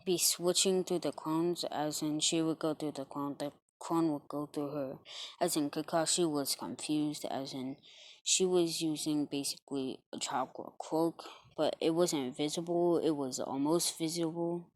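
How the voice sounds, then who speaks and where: A woman rambling through an improvised fan story, halting and correcting herself with fillers and apologies. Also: deep voice, fairly even intonation, darkish tone.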